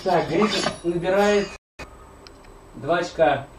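A man's voice: high-pitched, slow, heavy background noise. A man streaming casual live game commentary as a tournament commentator, in short offhand reactions. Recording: loud game music behind live stream. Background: loud video game music.

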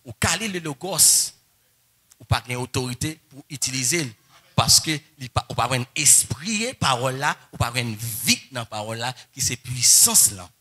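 A man preaching a sermon, moving between soft coaxing asides and shouted, sung-out exclamations. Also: medium pitch, lively intonation, normal speed, husky. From Haiti. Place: church or conference hall.

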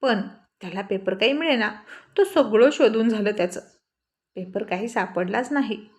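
A woman narrating a story in a steady, plain reading voice. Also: mid-range voice, moderate pace.

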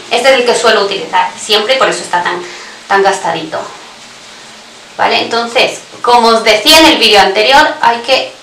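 In this casual makeup tutorial, a woman vlogger with a bright, forceful mid-range voice addresses her viewers head-on, chatting freely and frequently correcting herself. Slight background noise is audible. The sound is echoey, and she seems somewhat distant from the microphone.

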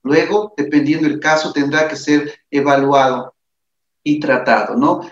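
A man with a tired, fairly high-pitched voice gives an unhurried, earnest psychology lecture recorded over slides. He repeats himself and often checks in with listeners by asking "¿de acuerdo?" The sound is dull and lo-fi, from an echoey room.

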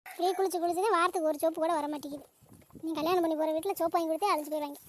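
A woman's voice: very high voice, fairly even intonation, very fast, slight background noise. A woman voicing a scolding, melodramatic middle-aged mother in a cartoon family drama. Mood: grumbling. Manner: nagging, melodramatic.

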